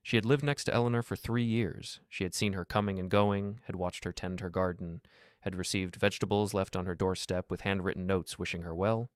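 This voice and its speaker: Narrator, male, low register, dead-dry read, steady measured storytelling. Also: clean tone, dry recording. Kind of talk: scripted narration.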